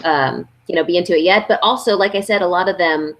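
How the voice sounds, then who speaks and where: Female guest in her thirties, lower register, chatty and filler-heavy. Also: fast, fairly bright tone. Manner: chatty, many fillers, laughs easily. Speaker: guest, board game channel host. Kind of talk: casual live-stream interview.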